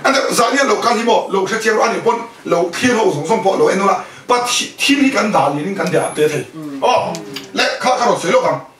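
一位在家庭团契上讲道的男人，不断向听众发问，并夹杂英语词汇。. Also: male voice, high voice, lively intonation, fairly quick, hardly any pauses, fairly bright tone. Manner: keeps questioning the listeners; mixes in English words. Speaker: preacher. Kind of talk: sermon at a house fellowship. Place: indoors at a home fellowship. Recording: echoey room, voice from a distance.

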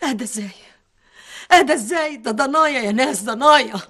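A woman's voice: quick pace, pushed and bright, exaggerated voice. An actress playing a middle-aged Egyptian mother, frantic and tearful with fear for her missing son. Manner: shrill, pleading, tearful outbursts. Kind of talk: TV drama acting.

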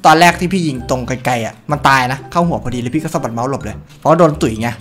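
A young man giving casual gameplay commentary while shooting, brash and boastful, swearing freely and bursting into loud shouts at kills. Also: medium pitch, fast, loud music behind the voice. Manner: brash, profane, boastful trash talk. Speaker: gameplay streamer.

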